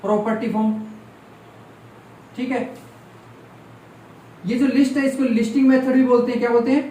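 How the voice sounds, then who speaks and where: A man's voice: very high-pitched, fairly even intonation, moderate pace, mellow. A man teaches maths to a classroom, firing short questions and repeating each term so the students say it back. His mid-range voice comes from some distance away in a reverberant room with faint background noise. It sounds like a live class recorded on a far-off mic. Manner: keeps quizzing the class, repeating key terms. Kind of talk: classroom lesson with call-and-response questions.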